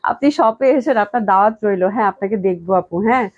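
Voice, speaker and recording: The highs are cut off in this recording of a fast-talking woman with a medium, darkish voice. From indoors at her company office, the clothing shop owner hosts a live sales stream for dresses, enthusing and repeating praise while coughing from a cold she's recovering from.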